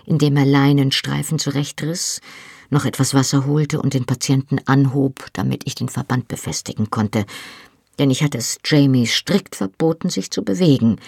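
An audiobook narrator reading a first-person novel in a lively, expressive way. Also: medium pitch, vocal fry, slightly rough, no echo, studio quality.

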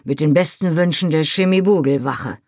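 Reader playing a rowdy, grinning Highlander calling out jokes, gravelly voice, dry close sound. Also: normal speed, darkish tone, dry recording, close to an everyday voice. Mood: boisterous teasing. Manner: boisterous, bantering. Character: loud, lusty burly Highland man, teasing.

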